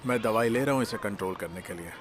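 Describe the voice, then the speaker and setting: A man's voice: fairly low pitch, fast, noisy background, natural voice. A middle-aged man voicing a teasing, easygoing taekwondo studio owner in a drama dub.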